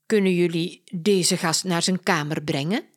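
A woman's voice: fairly low pitch, a little slow. A woman reading a friendly hotel clerk. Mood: helpful.

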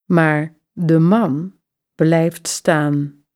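A woman reading a children's story aloud in very slow, clearly phrased short sentences. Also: sits low, steady tone, darkish tone.

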